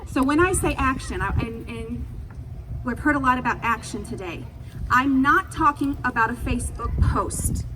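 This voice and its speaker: A middle-aged woman addresses a rally in a high voice. Her delivery is earnest and emphatic, with deliberate, repeated phrases in a semi-improvised speech. The microphone sounds distant, with clear noise around her. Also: fairly bright tone. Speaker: speaker at a protest rally. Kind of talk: impassioned public speech, partly off the cuff. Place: public rally, speaking to a gathered crowd. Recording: distant mic, noisy outdoor rally sound.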